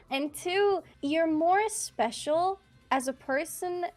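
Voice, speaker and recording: Female streamer, German native, high voice, cute and playful anime-streamer delivery, casual conversation. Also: slow, faint music behind. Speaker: guest VTuber streamer. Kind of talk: casual chat.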